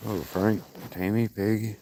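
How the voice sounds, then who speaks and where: A man's voice: on the low side, little pitch movement, unhurried. A man with an Appalachian accent and a folksy rural way of talking, chatting casually on a livestream. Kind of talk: casual fireside livestream chat. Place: outdoors at night by a fire. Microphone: handheld phone. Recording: clearly noisy outdoor phone recording.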